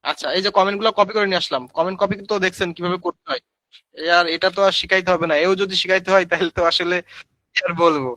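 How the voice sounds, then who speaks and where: A man's voice: high-pitched, fairly even intonation, racing, pushed and bright, dry recording, low-quality recording. A man teaching a live screen-share tutorial, chatty, calling viewers brother and using many fillers. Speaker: online course instructor.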